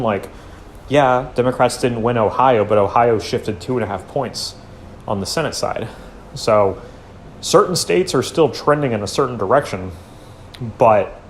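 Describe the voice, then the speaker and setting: A man hosting a commentary channel, giving a blunt, casual spoken critique full of fillers and trailing pauses. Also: medium pitch, slight background noise. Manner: loose and conversational, many fillers and trailing off; blunt, occasional swearing.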